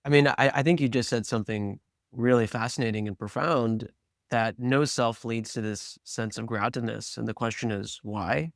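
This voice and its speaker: A man co-hosting a podcast, speaking in a measured, thoughtful and articulate way. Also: mid-range voice, steady tone, creaky, no room sound, clean studio sound. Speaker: podcast co-host. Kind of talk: casual podcast conversation.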